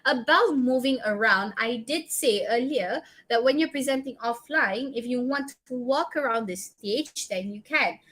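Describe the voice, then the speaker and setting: A Malaysian-accented guest speaker gives blunt public speaking advice in a workshop talk, tagging her lines with "right?" and "okay?". She speaks unhurriedly yet with hardly any pauses, in a fairly bright, slightly high voice.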